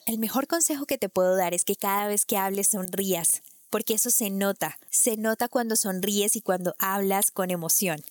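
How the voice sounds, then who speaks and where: A woman voice coach explaining technique in a clear, didactic way, speaking straight to the listener. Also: medium pitch, moderate pace, few pauses, dry recording. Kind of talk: instructional talk to camera.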